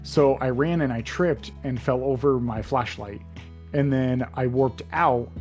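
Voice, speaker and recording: Young male co-host, rambling casual talker, middle pitch, light music underneath. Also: unhurried, darkish tone. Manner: rambling, retells scenes with put-on voices and laughs. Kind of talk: casual chat.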